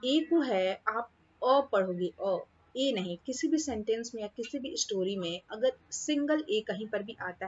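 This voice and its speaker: A woman with an Indian accent teaching an English grammar lesson. She says each example slowly, repeats it, and keeps checking in with her students. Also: mid-range voice, lo-fi sound. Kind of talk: classroom-style grammar lesson.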